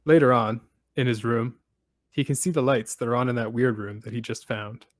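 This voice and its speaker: Male podcast host, casual recapper with deadpan asides, dry close sound. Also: medium pitch, normal speed, no echo. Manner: steady storytelling with dry asides.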